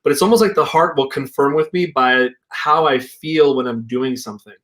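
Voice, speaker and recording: A young man speaks casually over a remote call. His voice is mid-pitched, and he sounds thoughtful and unhurried, with frequent filler words as he works through his ideas. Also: fairly bright tone. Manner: reflective, hedging with "like" and "you know". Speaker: co-founder and healing practitioner. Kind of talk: casual conversation.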